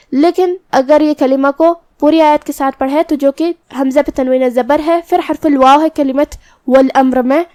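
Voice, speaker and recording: A woman teaching Quran recitation rules in a tajweed lesson, explaining each letter step by step and chanting verses slowly. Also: sits high, mellow, no room sound, studio quality.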